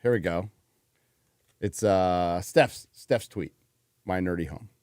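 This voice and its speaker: A man's voice: low voice, slow pace, darkish tone, smooth, no room sound, studio quality. A man hosting a casual livestream, talking in a laid-back way and swearing freely, heard through livestream headset audio. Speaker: show host.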